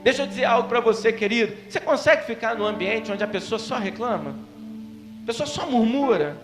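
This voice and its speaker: A Brazilian pastor with a strikingly high voice preaches in a conversational way, acting out the people he quotes and calling for amens. His voice rings around a roomy church hall. An instrument keeps playing clearly behind him. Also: animated, fairly quick, music in the background. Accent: Brazilian Portuguese. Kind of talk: sermon.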